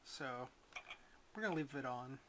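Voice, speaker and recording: A man giving a casual, unscripted product review as a reviewer, in a hesitant, rambling way with frequent pauses. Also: mid-range voice, lively intonation, heavy background noise. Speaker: reviewer of gadgets.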